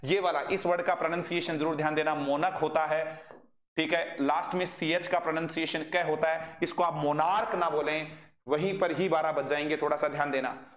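A man teaching English vocabulary in a live online class. He drills his students with quick questions, reads their chat messages aloud, and pronounces English with an Indian accent. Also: a little high, a bit bright, echoey room.

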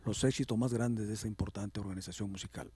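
A man, a songwriter guest speaking in a casual interview, reflective and grateful, often pausing on "este". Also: lowish voice, steady tone, mellow, slightly rough, no echo.

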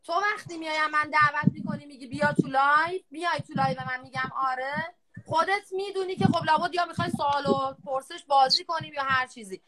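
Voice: high-pitched, pushed and bright, rough recording. A woman arguing crudely and mockingly as a guest on a live stream. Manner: crude, taunting, argumentative. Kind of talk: heated live-stream argument.

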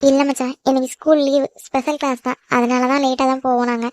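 A woman voicing a feisty, very fast-talking schoolgirl. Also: high voice, little pitch movement, no echo, lightly acted. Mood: polite. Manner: protesting, sharp-tongued. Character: feisty quick-tongued schoolgirl. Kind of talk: cartoon voice acting.

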